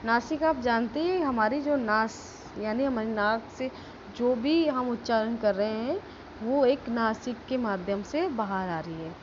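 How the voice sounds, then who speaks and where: Slow, higher-voiced woman teaching grammar. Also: lo-fi sound, noisy background. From India. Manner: explains step by step, checks with "ठीक है?"; says example words slowly and stressed. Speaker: school teacher. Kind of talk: grammar lesson.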